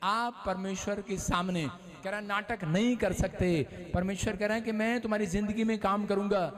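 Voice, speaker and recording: A man preaching, telling stories and shouting call-and-response lines. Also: sits high, fairly even intonation, moderate pace. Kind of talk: revival sermon. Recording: live with a noisy crowd. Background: congregation noise.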